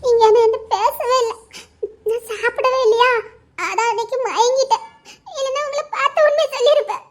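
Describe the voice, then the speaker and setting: A man's voice: very high-pitched, fairly even intonation, a little fast, a bit bright, pitched above the performer's own voice. A man voicing a tearful young wife who pleads through sobbing laughter in an audio story. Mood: tearful pleading.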